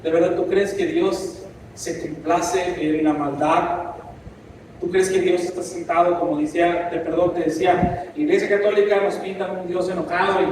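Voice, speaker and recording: High-voiced preaching man in an echoey hall. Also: little pitch movement, normal speed, background noise. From Mexico. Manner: impassioned preaching with asides and acted dialogue. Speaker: pastor. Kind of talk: sermon. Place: church. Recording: echoey church hall from a distance.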